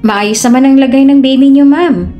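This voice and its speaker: A woman's voice: medium pitch, steady tone, fairly quick, a little mellow, muffled recording, faint music behind, lightly acted. A woman voicing a polite, smiling doctor reassuring a pregnant patient in a storybook tale.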